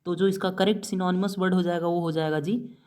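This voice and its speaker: A man's voice: sits high, fairly even intonation, fairly quick, darkish tone. A man teaching an exam-prep vocabulary lesson, spelling words out letter by letter and asking questions that he answers himself. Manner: asks the class a question, then answers it himself; mixes in English words and spells them out letter by letter. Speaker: English teacher.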